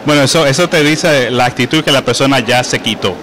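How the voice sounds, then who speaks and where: A man, a guest calmly explaining his ideas in an interview. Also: medium pitch, a little fast. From Puerto Rico.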